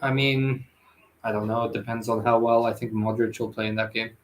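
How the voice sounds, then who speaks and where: A man with a mid-pitched, everyday voice talks football with a co-host. He hesitates often and restarts his sentences, leaning on filler words as he thinks aloud. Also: little pitch movement, brisk, slight background noise, low-quality recording. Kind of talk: casual football chat.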